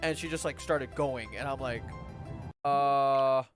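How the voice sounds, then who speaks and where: This is a young man of Mexican-American background, casually chatting during a live game stream with faint music behind him. His mid-range voice is a bit bright and moves at a moderate pace. He wanders from thought to thought, saying "like" and "um" constantly and laughing frequently.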